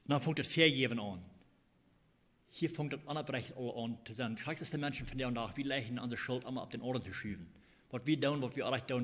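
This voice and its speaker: A man preaching a sermon, explaining scripture in a halting way and repeating phrases as he goes. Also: mid-range voice, breathy edge.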